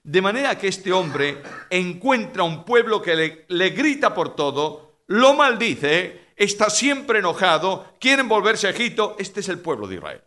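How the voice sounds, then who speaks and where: Middle-aged male preacher, Spanish accent, rather high and bright, very lively delivery. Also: a little slow. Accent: Spanish (Spain). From Spain. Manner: animated, swings from quiet storytelling to loud emphatic preaching. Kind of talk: sermon.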